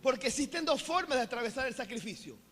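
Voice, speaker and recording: A man with a Venezuelan accent preaching a sermon as a pastor. He is energetic and joking, and often calls out to the congregation to keep them engaged. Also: very high-pitched, fast talker, slight background noise. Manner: playful, mixes jokes into preaching. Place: church hall. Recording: echoey hall with faint music behind.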